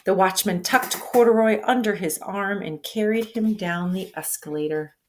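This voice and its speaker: Woman, teacher, picture book read-aloud, expressive, asks listeners questions. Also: mid-range voice, moderate pace, a little hiss or hum.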